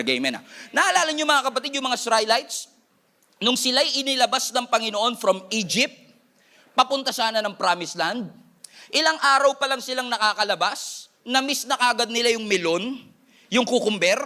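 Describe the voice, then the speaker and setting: A pastor with a Filipino accent delivers a spirited sermon a little fast, mixing English with Filipino and teasing his congregation with playful asides. His bright, forward voice sits on the high end for a man.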